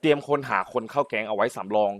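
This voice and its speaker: A man's voice: fairly low pitch, quick pace, no echo. Man lecturing as a game gang boss. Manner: lecturing, repeats himself, exclaims. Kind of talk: in-character roleplay chat on a game server.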